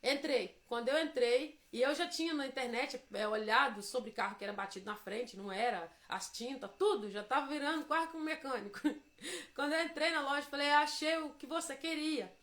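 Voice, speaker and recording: A woman's voice: high-pitched, a little fast, a bit bright. A Brazilian woman giving a devotional testimony, telling her story emphatically and acting out the dialogue.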